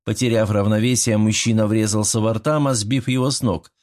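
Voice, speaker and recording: Brief: male audiobook narrator, steady and even. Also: lowish voice, brisk. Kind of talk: scripted narration.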